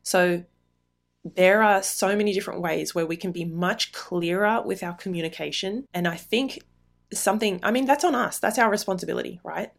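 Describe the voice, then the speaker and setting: A woman's voice: mid-range voice, moderate pace, vocal fry. A middle-aged woman hosting a solo podcast, talking in an earnest, encouraging, chatty way with light laughs. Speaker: podcast host.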